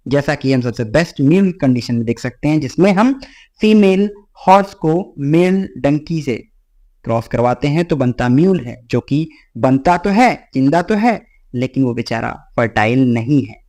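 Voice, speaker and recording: A young man teaching a biology lesson, slowly reading English textbook lines and explaining them in a lecture voice, often checking in with "theek hai". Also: mid-range voice, lively intonation, darkish tone. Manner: mixes Hindi and English, reads English lines slowly then explains; frequent "theek hai" fillers, addresses students directly.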